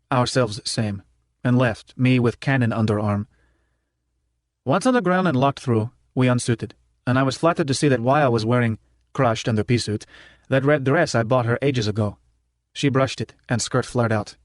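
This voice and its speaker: A man's voice: medium pitch, dry recording, clean studio sound. Clipped male audiobook narrator. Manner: clipped first-person telling with dropped articles. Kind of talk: scripted narration.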